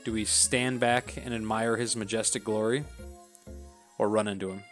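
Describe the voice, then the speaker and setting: A man's voice: on the low side, fairly even intonation, normal speed. Man reading a dating game aloud wryly. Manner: wry asides, self-deprecating. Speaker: let's play host. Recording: faint background game music.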